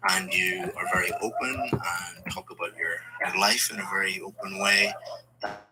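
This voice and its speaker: Acting as a speaking examiner, a man with a very low voice gives patient, encouraging spoken exam feedback, explaining each point at a moderate pace. Steady background noise runs behind him.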